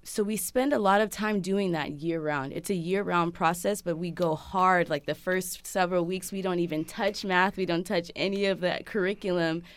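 A woman's voice: fairly low pitch, steady tone, normal speed, few pauses, smooth. A woman teacher talking earnestly and reflectively in a casual conversation. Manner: earnest, reflective, speaks in lists of values. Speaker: teacher guest.

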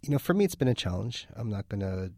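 Low gravelly man, dark and flat. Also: fast, no echo, clean studio sound. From Lebanon. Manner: thoughtful, with frequent restarts. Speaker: film festival organizer. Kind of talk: radio interview.

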